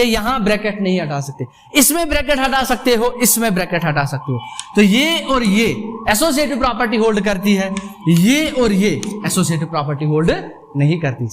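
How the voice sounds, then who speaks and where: A man's voice: high-pitched, slight background noise. A male math teacher giving a classroom lecture, addressing students as "beta", mixing Hindi and English, and repeating points with rhetorical questions.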